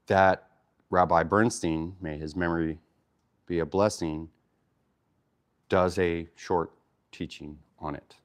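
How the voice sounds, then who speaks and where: A man teaching a casual Torah study, who often stops to explain Hebrew terms and talks with frequent fillers and restarts. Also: low voice.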